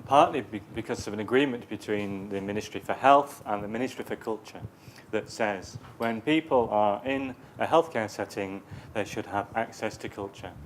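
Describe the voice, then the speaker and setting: A man's voice: fairly low pitch, a little hiss or hum, low-quality recording. A man presenting his music work at a conference, friendly and a little self-deprecating.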